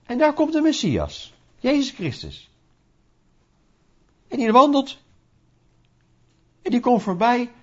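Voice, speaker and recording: A man preaching a sermon in a lively, conversational way, asking rhetorical questions and acting out little scenes. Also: very high voice. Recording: dull lo-fi recording.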